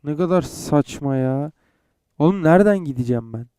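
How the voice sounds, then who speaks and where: A man's voice: fairly high pitch, animated, normal speed, warm tone, clear, resonant tone, no room sound. A young man playing a game and commenting, frustrated and swearing as he goes. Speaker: gamer. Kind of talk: gameplay commentary.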